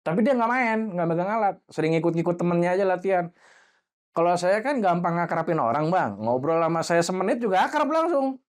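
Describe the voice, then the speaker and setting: A man telling a story as a guest, in casual, animated storytelling with acted voices and sound effects. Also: sits high, brisk.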